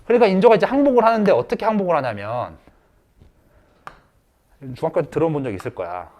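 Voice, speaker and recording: A male high school history teacher giving a casual storytelling lecture, acting out characters in quick asides. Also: animated, darkish tone.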